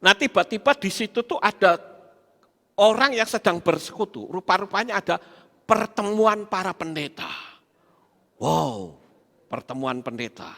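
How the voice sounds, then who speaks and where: Casting note: high, bright male preacher, animated, addressing the congregation, long hall reverb. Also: unhurried, pauses often. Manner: animated, laughs often, addresses congregation directly. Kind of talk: sermon with stories and audience questions.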